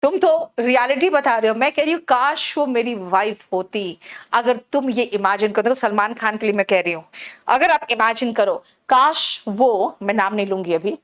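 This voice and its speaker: A woman teaching English in a live online class, explaining slowly and quizzing students by name. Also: on the high side.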